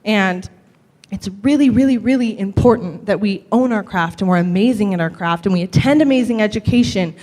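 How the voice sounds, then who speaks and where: A woman's voice: mid-range voice, a little mellow. A woman hosting a live panel at an event, upbeat and emphatic, speaking into a handheld mic in a venue. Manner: upbeat, emphatic, repeats words for stress. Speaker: panel host. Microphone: handheld microphone. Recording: reverberant hall.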